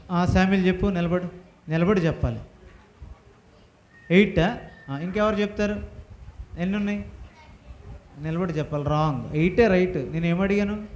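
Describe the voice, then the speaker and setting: Guy running a kids bible class, lots of questions, tells them to say it louder, echoey hall. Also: sits high. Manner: quizzing the class with rapid questions; commanding the kids to repeat and answer loudly. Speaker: Bible school teacher. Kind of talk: interactive Bible lesson for children. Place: church hall with children.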